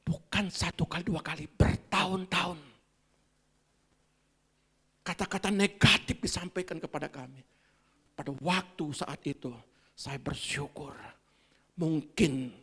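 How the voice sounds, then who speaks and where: A woman pastor preaching a Sunday sermon in church, swinging between loud exclamations and soft near-whispers and calling out to the congregation. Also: deep voice, steady tone, measured pace, long pauses, breathy edge. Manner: calls out to the congregation. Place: church service.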